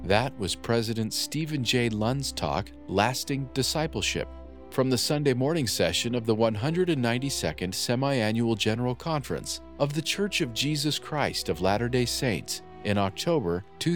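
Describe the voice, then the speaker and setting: A man hosting a podcast, reading a smooth scripted outro. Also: medium pitch, expressive, normal speed. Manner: smooth, read announcer delivery. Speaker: podcast host. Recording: faint guitar music bed. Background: soft guitar music.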